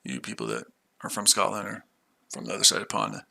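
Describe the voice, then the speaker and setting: Trading live on stream, this American man rambles, repeats himself and talks to his viewers in a casual way. He is from the United States, and his fairly low, gravelly voice moves in a sing-song manner, fast, bright and forceful.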